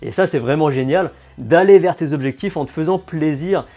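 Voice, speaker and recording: A man, a fitness and nutrition coach, talking straight to the viewer in a casual explainer vlog with lively, direct, sarcastic asides. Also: fairly high pitch, normal speed, soft background music.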